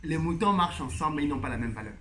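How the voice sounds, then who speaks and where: A man's voice: on the high side, expressive, very fast, bright, forceful tone, a little hiss or hum. A man host telling a story in a monologue, animatedly retelling a conversation with emphatic repetition.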